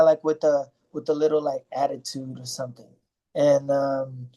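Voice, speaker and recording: A Brazilian man in his thirties whose first language is Portuguese responds to interview questions as a fighter, rambling with many fillers and restarts. His voice sits a little high with a dark tone, heard through a rough recording.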